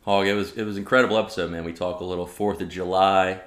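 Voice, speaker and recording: A man's voice: deep voice, steady tone, fast. A man, co-hosting a casual podcast in an easygoing, chatty way. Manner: easygoing, reminiscing, says "man" and "dude". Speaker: podcast co-host. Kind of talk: casual chat.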